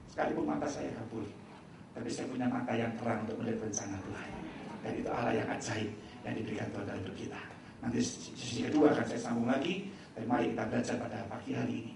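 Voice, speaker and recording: A man's voice: medium pitch, creaky, darkish tone, slight background noise. A male pastor from Indonesia preaching a sermon, telling a story and acting out the voices in its dialogue. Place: large church hall. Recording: echoey church hall, mic from a distance.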